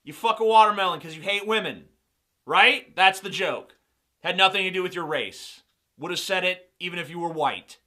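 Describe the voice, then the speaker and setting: A man's voice: sits high, moderate pace, bright, forceful tone. A young man giving sarcastic, mocking commentary on video clips. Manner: mocking, sarcastic, laughs at own jokes.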